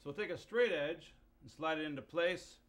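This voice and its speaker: A middle-aged man hosts a woodworking lesson from his workshop, speaking in a slightly raised register. He explains each cut clearly and methodically, with a touch of enthusiasm for his tools and jigs. A lapel mic keeps his voice close amid the shop space. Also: fairly high pitch, moderate pace, fairly bright tone. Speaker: host and woodworker. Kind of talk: instructional woodworking demonstration. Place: indoor wood workshop.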